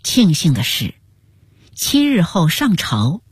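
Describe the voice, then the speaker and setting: Female radio storyteller, lower-pitched, melodic delivery, hushed, dry close sound. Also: huge pitch swings, husky, no room sound. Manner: slow, hushed, sometimes sinks into a whisper. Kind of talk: scripted radio story narration.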